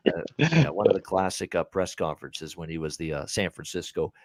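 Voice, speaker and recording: A man's voice: low voice, lively intonation, normal speed, no room sound, low-quality recording. A man hosting a sports betting podcast, talking casually through his picks with lots of filler words. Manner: chatty, many "uh" fillers, upbeat picks.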